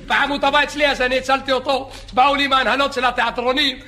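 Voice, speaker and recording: A man playing a boastful, chatty beach lifeguard who rambles, jokes and yells at bathers in a comedy sketch. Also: extremely high pitch, little pitch movement, exaggerated voice. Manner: rambling, joking, shouting at bathers. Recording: live audience laughter and noise. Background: audience laughing.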